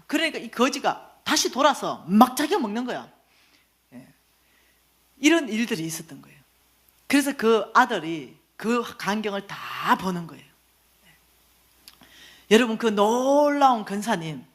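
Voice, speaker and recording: A woman, a church lecturer telling stories in an animated sermon. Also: medium pitch, normal speed, long pauses. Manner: animated, acts out quoted voices. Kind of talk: lively storytelling sermon lecture.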